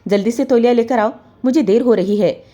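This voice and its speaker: A woman voicing an angry, domineering husband who shouts harsh scolding words. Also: on the high side, brisk, muffled recording, voice pushed up, lightly acted.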